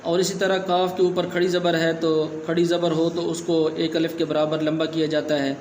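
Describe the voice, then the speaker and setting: A man teaching a Quran reading lesson, patiently spelling out each word syllable by syllable and repeating it slowly. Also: fairly high pitch, completely flat delivery, darkish tone, reverberant, slight background noise.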